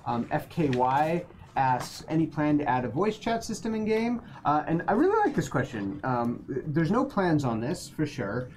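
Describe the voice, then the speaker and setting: A chatty woman answers viewer questions on a casual livestream, her pitch swinging up and down as she talks. Clear background noise hisses under her voice. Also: big pitch swings, normal speed, a little mellow. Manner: chatty, laughs often, many fillers. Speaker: game developer answering community questions. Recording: noisy stream audio.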